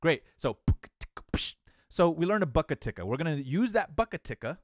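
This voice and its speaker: A man's voice: a little high, sing-song, normal speed, dry recording, clean studio sound. A man teaching an online beatbox class, encouraging his students, counting them in and demonstrating the sounds.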